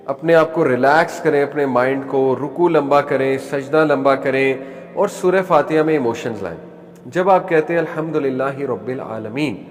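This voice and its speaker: Earnest man speaking in a reverberant hall. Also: on the high side. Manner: calm, earnest, mixes English phrases into Urdu; recites Arabic prayer phrases and explains them. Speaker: Islamic speaker. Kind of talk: religious talk.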